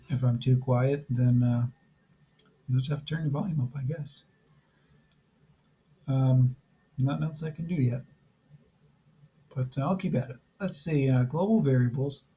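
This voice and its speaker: A man who is losing his voice, teaching a programming lesson step by step in a relaxed way with frequent fillers. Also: medium pitch, unhurried, long pauses, breathy edge, low-quality recording. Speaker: programming instructor. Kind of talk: screen-recorded coding tutorial.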